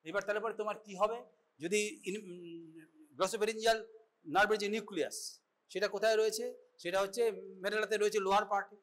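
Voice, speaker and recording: A man with a high, fairly bright voice and a steady tone speaks quickly while delivering a medical college lecture. He teaches in a classroom, demonstrating an exam and frequently checking that his students follow.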